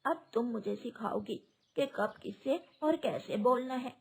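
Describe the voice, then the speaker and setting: A woman's voice: on the high side, measured pace, creaky, husky, heavily acted. A woman voicing a harsh, nagging old mother-in-law bird in a cartoon, talking in a sneering, scolding way. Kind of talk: cartoon voice acting.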